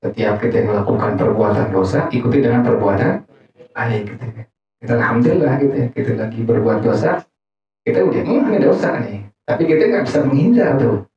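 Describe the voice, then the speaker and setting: Male Islamic teacher, teasing and playful, heard from afar in a boomy room on a dull mic. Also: fairly quick, very echoey, far from the mic. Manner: joking, quizzes the audience with questions. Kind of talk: informal religious study talk. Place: gathering room with an audience.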